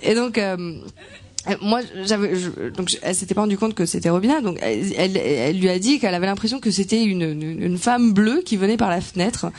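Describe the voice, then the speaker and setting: A woman interpreting a talk sentence by sentence, halting and searching for words as she goes. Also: mid-range voice, lively intonation, darkish tone. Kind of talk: consecutive interpretation into French.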